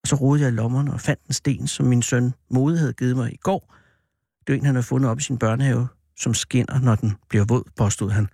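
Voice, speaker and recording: A man hosting a show, telling a personal story in an animated, drawn-out way that turns hesitant, with many fillers. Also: mid-range voice, gravelly, husky, no room sound, studio quality. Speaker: radio host.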